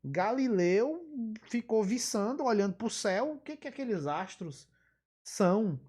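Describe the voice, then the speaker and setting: A woman's voice: medium pitch, expressive, unhurried, a little mellow, husky. A woman giving a live online physiology lecture. She explains by repeating key terms, wanders into asides, and throws in emphatic rhetorical questions.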